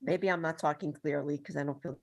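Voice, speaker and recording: A woman's voice: low voice, fairly even intonation, a little fast, creaky. Woman on a glitchy video call. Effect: on a video call with a breaking-up connection. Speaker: city council member. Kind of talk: meeting discussion.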